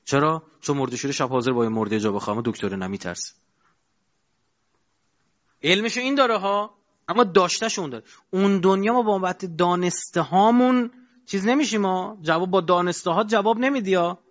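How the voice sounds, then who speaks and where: A man giving a colloquial sermon, asking his audience rhetorical questions and moving between loud and quiet stretches. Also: high-pitched, lively intonation. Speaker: preacher. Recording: dull lo-fi recording.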